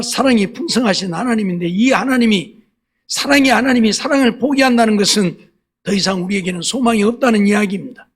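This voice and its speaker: A man's voice: sits high, husky. A male pastor preaching a sermon, telling a story and acting out a quarrel, then building to emphatic preaching. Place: church sanctuary.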